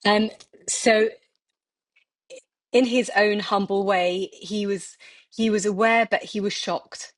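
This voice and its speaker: A woman's voice: mid-range voice, steady tone, takes it slowly, pauses often. A woman, a former aide, recounting memories in a podcast conversation, reflective and with many hesitations.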